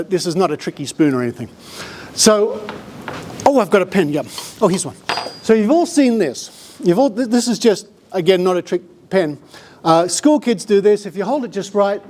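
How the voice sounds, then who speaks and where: A man's voice: sits high, darkish tone, slight background noise. Jokey Australian man presenting on stage. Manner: jokey, chatty showman, breaks into laughs. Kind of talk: live conference talk with audience participation. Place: conference hall before a live audience.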